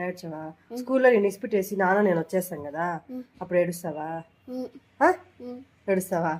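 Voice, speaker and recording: A woman narrating a family vlog, gently coaxing her small son and repeating her questions to him. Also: lowish voice, animated, a little fast, rough recording. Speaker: mother filming a family vlog.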